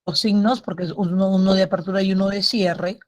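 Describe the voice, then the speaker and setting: A woman's voice: mid-range voice, fairly even intonation, brisk. A woman teacher leads an online grammar class in a mid-range voice. She is patient and methodical, repeating key points and ending them with short checking questions. The sound is that of a class call.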